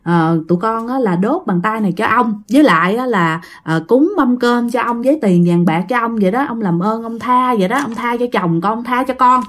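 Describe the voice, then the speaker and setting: A woman voicing a rural wife who pleads softly with a ghost. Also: a little fast, few pauses, natural voice. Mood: pleading. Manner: begging, low and soft.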